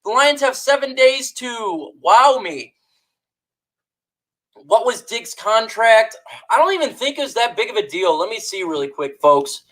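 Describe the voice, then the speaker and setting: A woman live-streaming a fired-up, exasperated rant to her chat, shouting out viewers between complaints. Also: on the high side, sing-song, measured pace, poor audio. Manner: reads out chat shout-outs.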